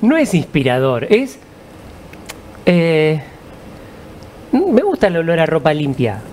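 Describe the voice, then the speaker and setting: A man with an Argentine accent, a musician guest, answering in a calm, reflective storytelling way. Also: on the high side, slow, a little hiss or hum. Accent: Argentine Spanish.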